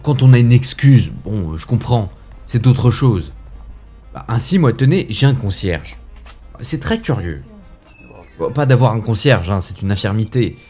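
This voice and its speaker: A man playing a fussy, indignant gentleman who rants with theatrical asides, as in a comic stage monologue. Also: medium pitch, expressive, unhurried, faint music behind, voice pushed up. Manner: huffy, ranting, theatrical asides.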